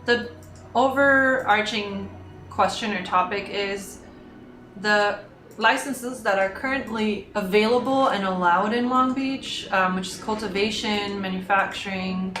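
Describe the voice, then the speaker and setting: A woman's voice: mid-range voice, a little slow, fairly bright tone, soft background music. Hesitant woman reporter in an echoey room. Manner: thoughtful, hesitant, lots of ums. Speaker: business reporter, guest. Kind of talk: casual interview chat. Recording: echoey room, faint noise.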